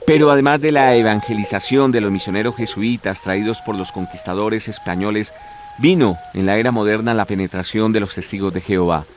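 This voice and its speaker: Low-voiced man narrating a documentary. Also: over music. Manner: measured, formal reading. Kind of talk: scripted narration.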